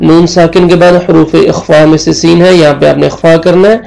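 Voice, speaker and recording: A man with a Pakistani Urdu accent teaching Quran recitation, drawing out the verses slowly between quicker spoken explanations. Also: a little high, flat delivery, gravelly, a little mellow, rough recording. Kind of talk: recitation lesson with slow chanted verses.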